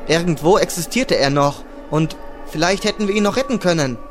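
A man's voice: on the high side, lively intonation, a little fast, close to an everyday voice. A man voicing a grieving young man who pleads and cries out in despair, over background music. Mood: distraught. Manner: pleading, shouting, tearful.

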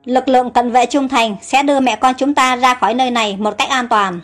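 Scheming royal villainess for an audio storybook, voiced by a woman narrator; high and spiteful. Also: steady tone, a little fast, fairly bright tone, soft background music. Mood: vengeful. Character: scheming wicked royal woman, mother of a would-be heir.

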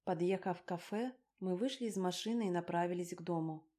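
A woman narrating a first-person novel in an even, measured audiobook reading. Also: lowish voice.

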